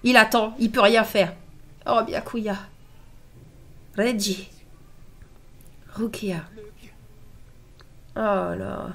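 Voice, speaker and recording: A woman with a stuffy nose and a nasal voice, commenting excitedly on an anime episode and reading its subtitles aloud. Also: medium pitch, extremely slow, creaky, long pauses. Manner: excitable, exclaiming and laughing between read-out subtitles. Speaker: anime reaction host.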